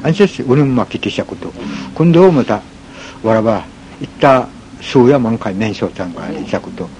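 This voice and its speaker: A man with an Okinawan accent telling a folk tale in a halting way, pausing often with fillers. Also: medium pitch, animated, darkish tone. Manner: halting, with many pauses and fillers. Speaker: folk storyteller. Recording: noisy recording with ambient hiss.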